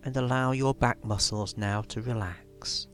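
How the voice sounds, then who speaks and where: A man leading a guided relaxation in a soothing, measured way, leaving long pauses between instructions. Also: medium pitch, steady tone, fairly bright tone. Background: music.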